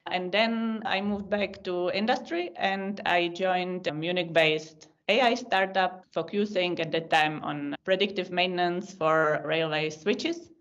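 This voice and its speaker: Czech lady in her 30s, lowish voice, thinks out loud in lists, dull video call audio. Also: steady tone, measured pace, hardly any pauses. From Czech Republic. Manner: thoughtful, explains in long lists with small restarts. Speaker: podcast guest, data science team lead. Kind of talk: casual interview answers.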